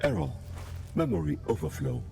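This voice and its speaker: A man's voice: medium pitch, huge pitch swings, normal speed, gravelly, mellow, faint music behind, heavily acted. A man voicing a stern male security robot that guards a station and answers with rigid, repetitive rule-bound replies in a video game.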